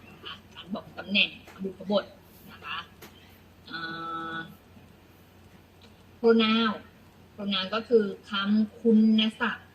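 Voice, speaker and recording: Woman teacher, unhurried lesson delivery, patient and repetitive, mid-pitched. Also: lo-fi sound, slight background noise. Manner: patient, repeats "นะคะ" often, spells out letters. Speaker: English teacher. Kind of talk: classroom lesson explanation.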